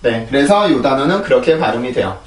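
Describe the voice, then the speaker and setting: A man's voice: mid-range voice, expressive, fast, reverberant, far from the mic, background noise. A man teaching English pronunciation who explains patiently step by step and repeats example words in drills.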